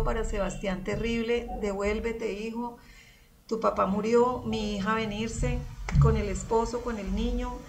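A woman's voice: a little high, far from the mic. A middle-aged woman with a Colombian accent, a guest giving an emotional, earnest faith testimony and often addressing the priest.

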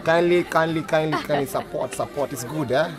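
A young man with a Kenyan accent giving a playful shout-out at a campsite, mixing English and Swahili while hyping the viewers. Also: a little high, brisk. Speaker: fellow traveler and YouTuber. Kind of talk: casual vlog shout-out. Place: outdoors at a campsite shelter. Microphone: phone camera at arm's length. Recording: music and crowd noise behind. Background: music and people talking.

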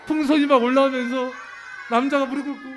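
A man with a notably high voice preaches to his congregation. He jokes, teases the children in the pews and now and then barks at them to hush. His delivery is playful and animated. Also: quick pace, slight background noise. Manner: lively and joking, teasing children in the congregation; breaks into sudden shouts for quiet. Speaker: pastor. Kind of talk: sermon.

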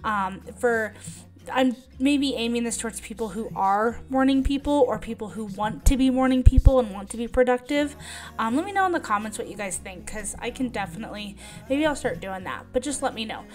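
A woman's voice: a little high, lively intonation, fairly quick. Middle-aged woman, casual home vlog voice-over, rambling with ums, faint background music. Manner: chatty, rambling with many ums. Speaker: vlogger.

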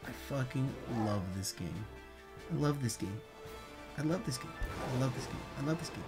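Over loud background music, a male gaming YouTuber narrates a let's play with excitable energy, recycled catchphrases, and plenty of swearing. His medium-pitched voice moves at a moderate pace and is growing hoarse.

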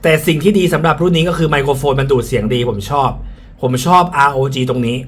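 A man's voice: on the high side, fast. Man reviewing gadgets through a face mask. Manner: frank, repeats points, casual fillers. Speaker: tech reviewer. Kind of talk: casual spoken product review. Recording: clear background ambient noise.

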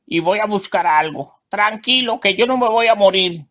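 A woman's voice: medium pitch, moderate pace, fairly bright tone, close to an everyday voice. A woman voicing a stubborn old man who insists in a whiny way that he won't die, with audible hiss behind.

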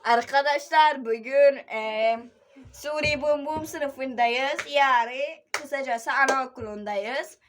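A high female voice hosting a casual comic skit. She talks to viewers in loose banter as she introduces the group. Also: slow, background noise.

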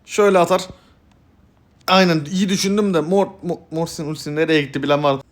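A young man talks through his gameplay with a hoarse, somewhat high voice. He swings from loud excited yelps to quiet mumbled asides as he plays. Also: fast. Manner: bursts into loud high yelps and laughter, then drops to mumbling. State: hoarse from shouting. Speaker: gaming streamer.

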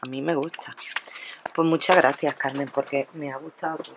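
A woman's voice: deep voice, steady tone, moderate pace, heavy background noise. A woman from Spain chatting through her craft shopping haul at a table, talking straight to her viewers and often restarting her sentences. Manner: chatty, addresses viewers directly, lots of restarts. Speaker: craft vlogger. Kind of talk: casual haul narration.

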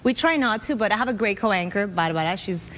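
A woman's voice: mid-range voice, expressive, fairly quick, a bit bright, a little hiss or hum. A young woman from Peru, a news anchor guesting on a talk show, chatty and bubbly with frequent laughter. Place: television studio set with audience.

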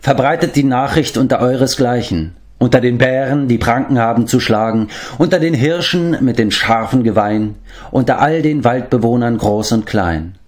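A man's voice: medium pitch, darkish tone, pitched above the performer's own voice, natural voice. A man doing Medwin, a stately old keeper of beasts. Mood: commanding. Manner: measured, stately storybook speech. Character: wise old man, keeper of animals, grave.

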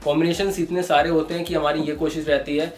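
A young man who wholesales soft toys walks viewers through his warehouse stock. He talks in a brisk sales patter and reels off prices. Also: a little high, level tone, far from the mic, soft background music. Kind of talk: casual product walkthrough. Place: large indoor toy warehouse showroom. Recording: roomy echo, voice off-mic.

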